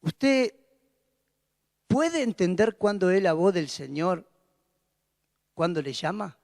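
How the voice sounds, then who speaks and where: A man with a high voice preaches a sermon, his clear. He piles up emphatic exclamations and then drops to hushed tones. His voice rings with a long reverb in a church hall. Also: very animated, slow. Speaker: pastor.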